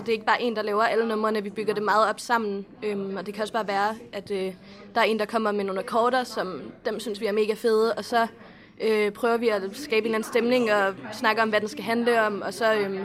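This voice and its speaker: A woman's voice: mid-range voice, flat delivery. A Danish woman, a band member, talking enthusiastically about how the band writes songs. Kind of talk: casual interview answers.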